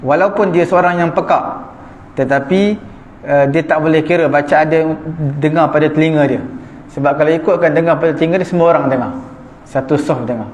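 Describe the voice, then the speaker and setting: A man with a Malaysian Malay accent giving an evening religious lecture as a teacher, explaining points in a measured way with fillers and quick check-ins to his listeners. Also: fairly high pitch, darkish tone, a little hiss or hum. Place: prayer hall of a small mosque. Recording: echoey prayer hall.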